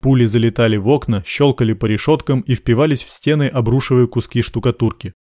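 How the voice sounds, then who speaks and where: A man reading an action novel aloud in a measured, even audiobook narration. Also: mid-range voice, no echo, studio quality. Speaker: audiobook reader.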